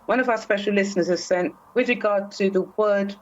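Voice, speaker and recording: A woman's voice: mid-range voice, brisk, slight background noise. A British woman hosting a radio talk show and putting questions to her guest with long setups. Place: radio studio. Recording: dull lo-fi sound.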